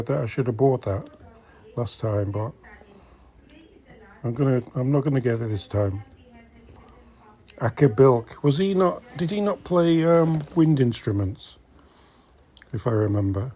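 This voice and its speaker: This is a middle-aged man with a mid-range, darkish voice carrying a breathy edge. As host of a vintage collecting vlog, he wanders a secondhand shop chatting casually to his viewers, sometimes muttering to himself.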